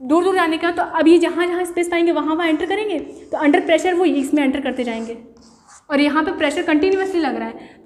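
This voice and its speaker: A woman teacher giving a classroom science lesson, explaining with everyday examples and asking rhetorical questions. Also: high-pitched. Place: room. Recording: echoey room with long reverb.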